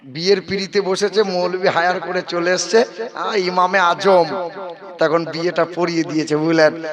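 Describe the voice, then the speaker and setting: A man's voice: high voice, steady tone, normal speed. A man from Bardhaman preaching a waz sermon with a Bardhaman Bengali accent, singing some phrases and joking with his listeners. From Bardhaman district, West Bengal, India. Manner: sings phrases, jokes with the audience, calls listeners "bap". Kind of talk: waz sermon with melodic chanting. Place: religious gathering in Murshidabad. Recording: crowd audible at a public sermon gathering.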